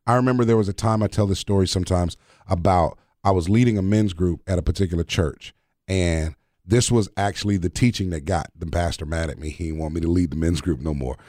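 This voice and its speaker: Low-voiced man chatting on a podcast. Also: a little fast, darkish tone, no echo, studio quality. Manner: conversational, storytelling, quotes scripture. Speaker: podcast co-host.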